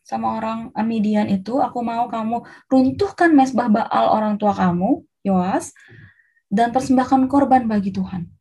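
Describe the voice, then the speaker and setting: Woman playing a calm god voice, slow and soothing, soft and breathy. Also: on the high side. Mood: commanding. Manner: slow, reassuring. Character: reassuring divine male voice, calm and firm.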